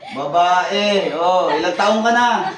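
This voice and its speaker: A man's voice: high voice, slow pace, crowd noise. A man working as a faith healer, commanding and repeating short questions and chanting incantations during a rite. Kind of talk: interrogating a spirit during a healing rite. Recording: echoey, distant, noisy room recording.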